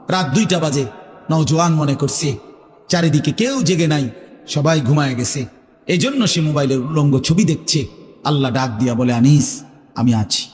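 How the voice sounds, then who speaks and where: A high-pitched male preacher with a Bangladeshi Bengali accent, delivering a fervent sermon that swings between hushed and loud. His voice rings through a large hall with a long echo trailing behind it. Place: large hall at a religious gathering. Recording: echoey hall with long reverb.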